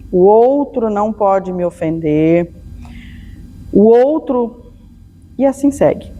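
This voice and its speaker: A woman's voice: mid-range voice, warm tone, big-room sound. Storytelling Brazilian woman giving a lecture. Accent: Brazilian Portuguese. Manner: storytelling, acts out dialogue. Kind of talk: spiritual lecture.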